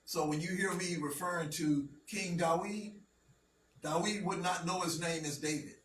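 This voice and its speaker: A man teaching a language lesson to a class, speaking slowly and deliberately and often checking that everyone follows. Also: fairly high pitch, fairly even intonation, fairly bright tone. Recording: roomy, from a distance, faint noise.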